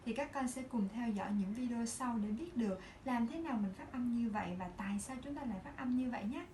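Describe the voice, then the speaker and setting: A woman teacher explaining a pronunciation lesson to her young pupils in a gentle, explanatory way. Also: fairly high pitch, fast, reverberant, slight background noise.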